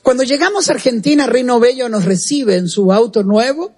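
Male presenter, high husky voice; earnest, animated testimony storytelling. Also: brisk. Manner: earnest, animated retelling with direct asides to the listener. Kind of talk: storytelling testimony on a radio program.

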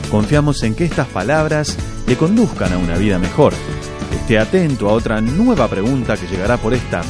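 A formal radio announcer, a man, introduces and closes a program in measured phrases. His pitch moves in lively swings. Clear music plays behind him.

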